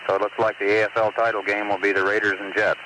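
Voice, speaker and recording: A man's voice: fairly low pitch, flat delivery, fast. A man working as capsule communicator, talking casually to astronauts over a space mission radio link. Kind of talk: casual astronaut radio exchange with news and scores. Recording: noisy mission radio loop with hiss.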